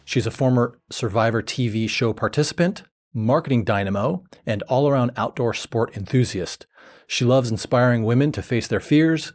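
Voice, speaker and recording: A man's voice: medium pitch, moderate pace, darkish tone. A man hosting a podcast interview, introducing his guest and asking chatty, upbeat questions. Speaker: podcast host.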